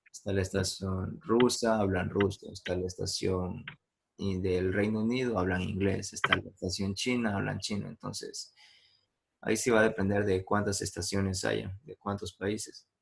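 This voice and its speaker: A low, gravelly male voice with an Ecuadorian accent, teaching a class over a video call. He explains patiently, stopping for examples and asking his students whether they follow. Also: a little hiss or hum. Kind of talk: online class lecture.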